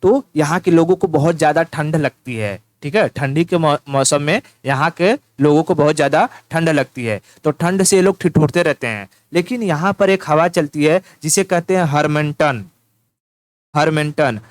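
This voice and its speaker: Male tutor, teasing and repetitive, clear voice, dry close mic. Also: fairly high pitch, normal speed, no room sound. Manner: teasing, repetitive, addresses listener as "tu". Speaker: teacher. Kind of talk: informal exam-prep lesson.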